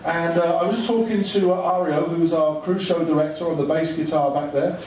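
A man's voice: fairly high pitch, steady tone, a little fast, darkish tone. A man hosting a stage show as master of ceremonies, addressing a live audience with upbeat showman banter. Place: large indoor ship theatre. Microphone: handheld stage mic, heard from camera in audience. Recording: distant echoey theatre PA, noisy.

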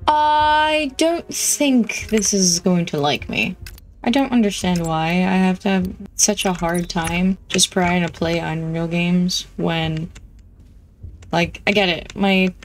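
A woman's voice: fairly low pitch, slow, vocal fry, a little hiss or hum, poor audio. A woman streamer giving casual, wry commentary as she plays a game, talking to herself. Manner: chatty, wry, talks to herself. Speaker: gameplay streamer. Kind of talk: casual let's-play commentary.

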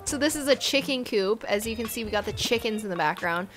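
A woman's voice: a little high, animated, quick pace. A young woman giving a casual, gushing tour commentary, full of "like" fillers. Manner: bubbly, gushing, frequent "like" fillers. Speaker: game island tour vlogger. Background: faint game music.

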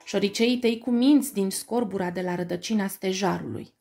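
A woman voicing a gentle, worried mother mouse who reads a letter in a soft, pleading, earnest voice, in a storybook reading. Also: medium pitch, gravelly, faint music behind, lightly acted.

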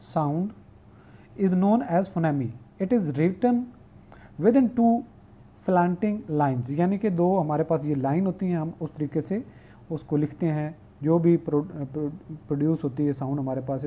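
A male teacher giving an online lecture. He reads English definitions slowly, explains them at length, and asks questions he answers himself. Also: fairly high pitch, dark tone, a little hiss or hum.

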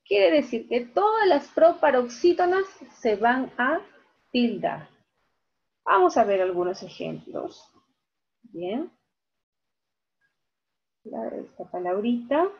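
Slow, husky woman teacher on video call. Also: fairly high pitch, big pitch swings. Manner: slow, repeats key words, syllable-by-syllable. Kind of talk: online class lesson. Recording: dull video-call audio.

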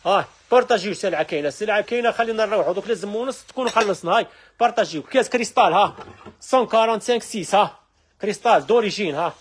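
In a household goods shop, a man with an Algerian Arabic accent hosts a live sales stream, repeating rapid calls to check out the goods. He has a high, husky voice.

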